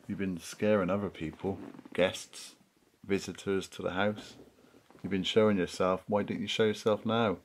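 A man's voice: deep voice, level tone, normal speed, a little hiss or hum. A man investigating a haunting, calling out to spirits and then hesitantly searching for words. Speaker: paranormal investigator.

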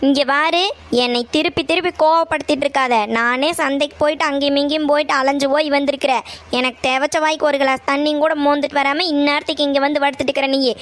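A woman's voice: high voice, little pitch movement, fast talker, fairly bright tone, no echo. A woman voicing a nagging, scolding middle-aged mother in a cartoon, with a Kongu Tamil accent from Coimbatore. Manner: nagging, scolds then coaxes. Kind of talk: cartoon voice acting.

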